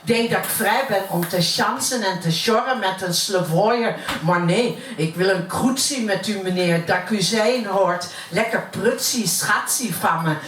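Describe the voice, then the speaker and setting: In a roomy, distant recording, a woman performs a brash working-class woman from Utrecht reciting verse. Her Dutch accent is broad Utrecht, earthy and cheeky, delivered at a slow pace. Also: medium pitch, natural voice. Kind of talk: dramatic dialect poetry recital. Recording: roomy, distant mic, faint noise.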